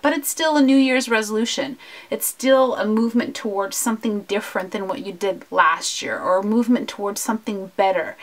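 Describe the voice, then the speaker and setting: A woman's voice: medium pitch, fairly bright tone. Earnest woman rambling while crafting. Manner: earnest, heartfelt, rambling between topics. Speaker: scrapbooking vlogger. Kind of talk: casual talk over a crafting video.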